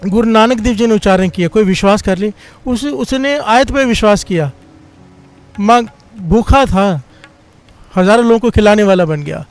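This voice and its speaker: A man giving a Sikh sermon, telling a story and leading a repeated refrain. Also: high voice. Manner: repeats a call-and-response refrain between points; chants scripture lines slowly. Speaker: Sikh preacher.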